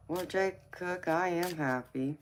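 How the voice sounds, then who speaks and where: Against background noise, the tarot-reading psychic, a Southern-accented woman from California, speaks at a fairly low pitch. Her livestream is casual as she answers viewer comments, laughing often and calling viewers "baby".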